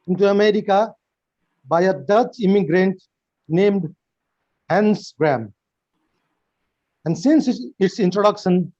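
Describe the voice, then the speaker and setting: Formal high-voiced man from Nepal. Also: mellow, no room sound. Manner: measured, formal, starts phrases with "well". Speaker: guest speaker. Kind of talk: prepared talk on a video call. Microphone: video call. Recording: dull, dry video call audio.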